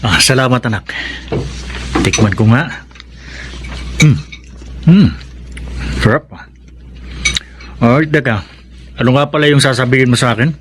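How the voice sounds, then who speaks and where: An actor playing a caring, middle-aged father who talks gently but knowingly, in a radio drama. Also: medium pitch, unhurried, pauses often, slight background noise, natural voice. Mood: gentle.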